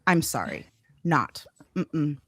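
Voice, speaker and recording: Woman co-host, lowish voice, playful music chat, dry close mic. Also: very animated, takes it slowly, a bit bright, no room sound. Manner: chatty, laughs easily, playful. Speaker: podcast co-host. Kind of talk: casual chat about music.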